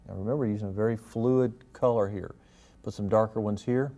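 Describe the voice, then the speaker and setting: Gentle painting instructor, mellow male voice. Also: on the low side, steady tone, a little fast. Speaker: painting instructor and show host. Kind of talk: painting demonstration, casual step-by-step instruction.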